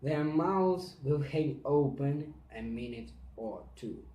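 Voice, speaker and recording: A man's voice: a little high, animated, slow pace, mellow. A man with a Russian accent reading a storybook in verse aloud. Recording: echoey room.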